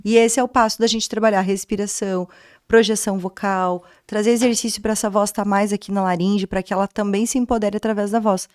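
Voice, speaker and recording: A woman's voice: medium pitch, steady tone, brisk, darkish tone, clean tone, dry recording. A woman with a mid-range voice, a speech therapist from Brazil, speaks as a podcast guest. She explains like a teacher and often poses a question before she answers it. The sound is dry and close. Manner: didactic, asks and answers her own questions. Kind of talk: conversational interview.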